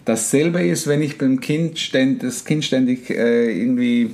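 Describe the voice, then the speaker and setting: A man's voice: mid-range voice, unhurried. Male host, conversational explainer, acts out thoughts. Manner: animated, acts out inner voices and quotes.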